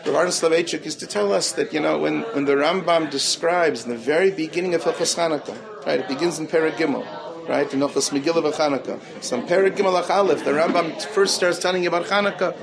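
Answering questions in a Torah talk, an earnest rabbi uses a fairly high, creaky voice. His English is sprinkled with Hebrew terms, and he circles back to key phrases to stress them.

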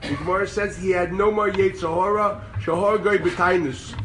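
High-voiced rabbi lecturing from afar. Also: male voice, normal speed, over music. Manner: animated, sarcastic, mixes Hebrew terms into speech. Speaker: rabbi teaching a class. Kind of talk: Torah lecture to a group. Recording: distant mic with loud background noise.

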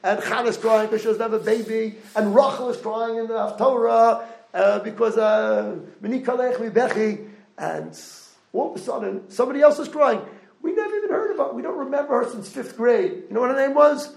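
A man giving a Torah lecture, animated, asking the audience rhetorical questions. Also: very high-pitched, fairly quick, gravelly, roomy sound, rough recording. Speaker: rabbi lecturer.

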